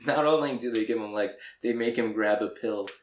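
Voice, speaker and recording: A man co-hosting a casual movie discussion podcast, wry and critical, with quick asides. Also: fairly low pitch, slight background noise. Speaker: podcast co-host. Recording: echoey room.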